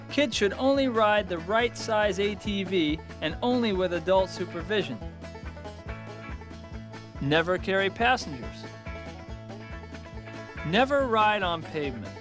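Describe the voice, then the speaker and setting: An instructional narrator with a fairly high-pitched male voice reads a scripted safety lesson from a worn VHS tape copy. He gives firm warnings and clear dos and don'ts. Country guitar music is clearly heard under his voice. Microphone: voice-over.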